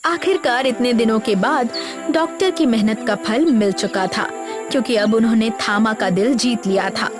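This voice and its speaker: A woman with a fairly high voice tells an animated children's story in a steady, dramatic way. Music plays clearly beneath her narration. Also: moderate pace. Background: background music.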